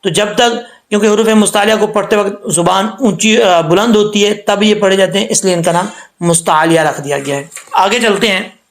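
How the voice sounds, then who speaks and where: A man with a notably high voice leads a recitation lesson, speaking with a lilt. He goes over each rule again and again in a patient, teacherly way. When he demonstrates a sound, he stretches it out slowly. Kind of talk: tajweed lesson.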